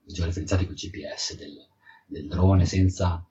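A man's voice: low voice, fairly even intonation, moderate pace, warm tone, slight background noise. A man from Italy giving conversational technical answers in an interview, often repeating words and restarting as he explains. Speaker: interviewed field geology researcher. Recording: dull, muffled audio.

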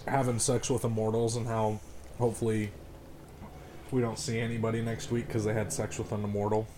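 Foul-mouthed joking man, mellow voice. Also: on the low side, level tone, a little fast, a little hiss or hum. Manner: profane, joking, talks with his mouth full. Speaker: podcast co-host. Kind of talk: casual podcast chat.

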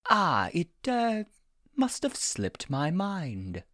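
A woman's voice: fairly low pitch, wildly swooping pitch, very slow, a bit bright, no echo, studio quality, heavily acted. A woman voicing a prim, bookish male angel who talks in a flustered, waspish way.

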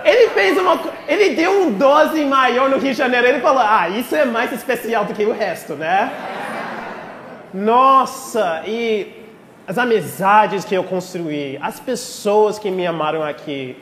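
American guy preaching in portuguese w/ english accent, pretty high voice, heartfelt and informal, big echoey church. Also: animated, a little slow, fairly bright tone. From Texas, United States. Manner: heartfelt, emotional, playful asides. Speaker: guest preacher. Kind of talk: informal sermon to a congregation, with prayer. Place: speaking live in a church. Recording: echoey church hall, long reverb, faint noise.

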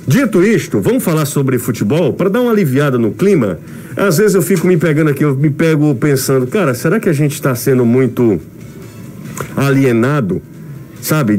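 A man's voice: a little high, mellow. Muffled man through a face mask. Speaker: sports radio show host. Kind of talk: casual radio sports talk. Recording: studio mic muffled by mask, music bed.

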